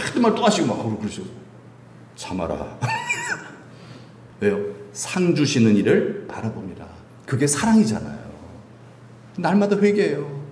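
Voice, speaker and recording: A middle-aged man preaches a lively sermon, his pitch rising and falling with animation. He jokes and keeps asking the congregation questions. The sound is roomy and echoey, with faint ambience behind it. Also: a little hiss or hum. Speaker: pastor. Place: church sanctuary.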